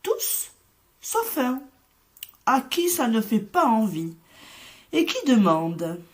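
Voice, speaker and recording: Slow, expressive woman reading a children's story. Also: on the high side. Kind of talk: children's story read-aloud.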